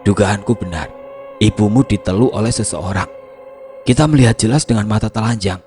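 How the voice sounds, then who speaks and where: A man's voice: on the low side, fairly quick, music in the background, lightly acted. A man doing a grim older villager. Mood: grave.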